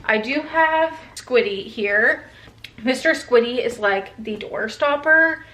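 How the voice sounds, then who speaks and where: A woman's voice: fairly high pitch, lively intonation, takes it slowly, sharp tone, roomy sound, recorded from a distance, a little hiss or hum, low-quality recording. A woman in her early twenties vlogging casually about redoing her bedroom, chatty and swearing freely. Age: 20s. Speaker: lifestyle vlogger. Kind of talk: casual vlog chat. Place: bedroom at home.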